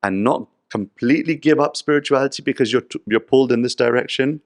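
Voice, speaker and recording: A man talking as a podcast guest, telling stories and reflecting on spirituality in an earnest, gently explanatory way. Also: medium pitch, quick pace, no echo, studio quality.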